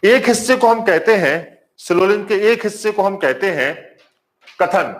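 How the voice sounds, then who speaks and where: A man with a fairly high voice teaches a live online class. He says each point more than once and keeps asking the viewers to answer back. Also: animated, moderate pace. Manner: repeats points and quizzes the class; warm greetings to viewers. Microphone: marker on whiteboard.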